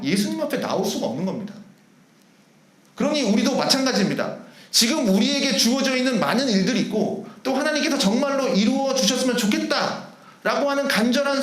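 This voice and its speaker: Pastor, male, high animated voice; preaching in an echoey church hall. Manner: animated, rhetorical questions to the congregation. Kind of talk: sermon. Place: church sanctuary. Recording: roomy church hall echo.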